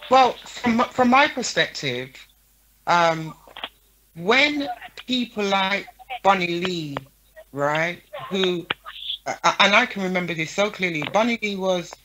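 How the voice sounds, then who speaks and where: A woman who works as a show promoter is a guest on a talk podcast, speaking frankly in casual interview talk, listing names and checking in with her listener using "yeah?" and "right?". Her medium-pitched voice has lively intonation and a slow pace. The background is noisy.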